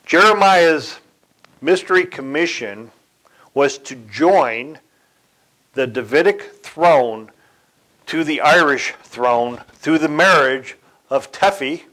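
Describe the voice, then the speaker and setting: Man, sermon, slow unhurried delivery, self-correcting, occasional light laugh. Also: on the high side, animated, bright, forceful tone, poor audio. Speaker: church speaker.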